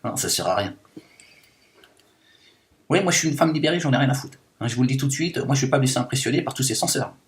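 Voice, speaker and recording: A man's medium-pitched voice, with lively intonation and a fast delivery broken by long pauses, carries a satirical monologue as a self-declared liberated woman. Close to his natural voice, he rambles indignantly, piling up fillers in mock outrage.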